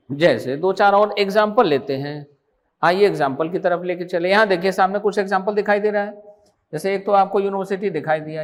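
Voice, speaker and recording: A man teaches an online exam-prep grammar class in a high-pitched voice. He keeps firing questions at his students and answers most of them himself. He runs the lesson as a steady back-and-forth drill.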